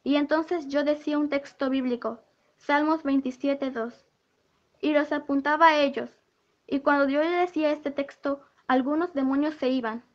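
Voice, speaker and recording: A woman's voice: sits high, steady tone, normal speed, muffled recording. A woman giving an earnest spoken testimony in church, retelling a vision and quoting what each figure said to her.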